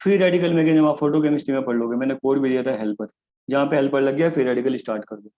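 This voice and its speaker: A man giving a chemistry lecture, often calling his students "kids" and switching between Hindi and English. He slows down deliberately to spell out key phrases. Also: medium pitch, dark tone, rough recording. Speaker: chemistry teacher. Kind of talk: classroom lecture.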